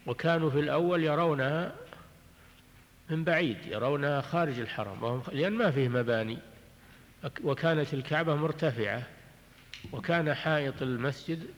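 A man teaching a religious text in a measured way, often repeating and restarting his phrases and clearing his throat. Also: mid-range voice. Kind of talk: recorded lecture explaining jurisprudence. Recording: long hall reverb on an old tape.

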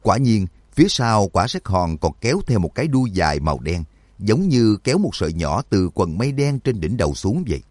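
A man narrating an audiobook in an expressive, vivid storytelling manner. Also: on the low side, fairly quick, dry recording.

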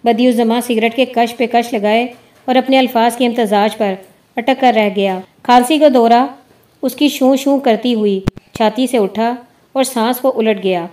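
A woman narrating a novel in a steady reading voice. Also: fairly high pitch. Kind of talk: storybook narration.

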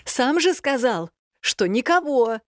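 Brief: a woman playing a chatty, flippant young heroine, high and quick in a dry storybook read. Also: big pitch swings, no room sound, full character voice. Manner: rapid, flippant, babbling.

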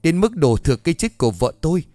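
A man voicing a drunken, hot-tempered young husband in a ghost story, shouting in a rushed, higher voice. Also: very animated, no echo. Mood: indignant. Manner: loud, hurried and angry.

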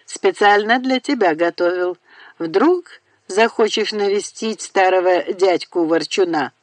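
A woman voicing an older uncle, a warm family patriarch, speaking briskly and heartily in an audiobook. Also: mid-range voice, no echo, natural voice. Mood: hearty.

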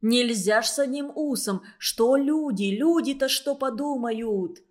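A woman's voice: fairly high pitch, measured pace, a little mellow. A woman reading a storybook aloud and voicing a small, round, flustered male barber who babbles apologies. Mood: desperate.

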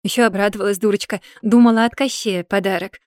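A woman's voice: mid-range voice, steady tone, quick pace, dry recording. Woman narrating a story, dry close sound. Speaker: audiobook narrator. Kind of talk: scripted narration.

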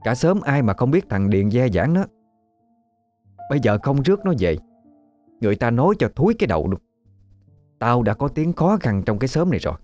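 A man's voice: sits low, expressive, normal speed, long pauses, mellow, faint music behind. A man voicing a scheming, domineering older village woman in a spoken ghost story. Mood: scolding.

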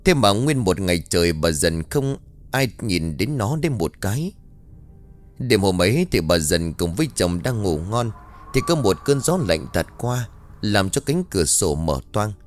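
A man's voice: lowish voice, big pitch swings, unhurried, soft background music. A man narrating a ghost story in a dramatic, suspenseful reading.

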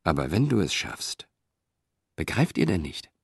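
A man's voice: sits low, very animated, a little slow, gravelly, husky, no room sound, clean studio sound, full character voice. A man reading an audiobook, voicing a proud, ambitious middle-aged Roman senator who speaks with confident, declaiming force.

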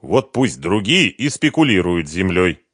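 A man's voice: sits low, very animated, moderate pace, fairly bright tone, husky, no echo, studio quality, exaggerated voice. A man voicing a weary divorced father who answers in a firm, exasperated voice.

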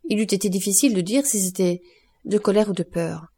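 A woman narrating a classic novel as an audiobook in a measured, expressive storytelling voice. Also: mid-range voice, slightly rough.

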